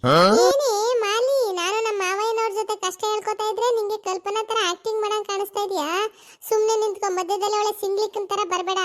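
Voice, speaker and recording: A melodramatic middle-aged cartoon wife who whines, wails and bosses people around. Her voice is squeaky and very high. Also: lively intonation, quick pace. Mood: scolding. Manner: whiny, melodramatic. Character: dramatic middle-aged wife, wailing complainer.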